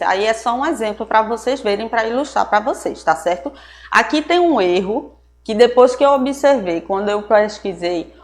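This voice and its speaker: A woman English teacher with a Brazilian Portuguese accent, explaining grammar step by step at a board. She often checks understanding and drops English words into her explanations. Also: on the high side. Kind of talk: recorded classroom lesson.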